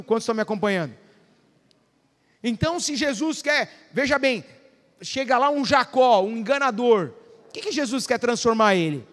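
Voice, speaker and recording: A man's voice: extremely high pitch, fairly bright tone. A middle-aged man pastor preaching a conversational sermon, often asking the congregation if they follow. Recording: long hall reverb.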